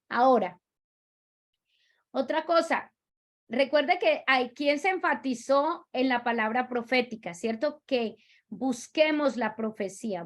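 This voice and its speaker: A woman teaching a religious lesson, explaining step by step and repeating herself to make each point clear. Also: high voice.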